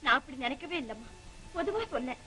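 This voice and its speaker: A gentle young mother pleading. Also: high-pitched, animated, quick pace, poor audio. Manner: pleading, earnest and defensive. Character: young mother, gentle and loyal to her brother. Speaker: young mother in a family film. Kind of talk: 1960s film acting.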